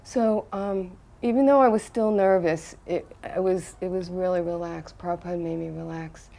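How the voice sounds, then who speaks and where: A woman's voice: on the low side, gravelly. Older woman telling a heartfelt anecdote. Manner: earnest, halting with restarts, then bursts of excitement. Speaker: devotee recalling a memory. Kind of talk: personal anecdote.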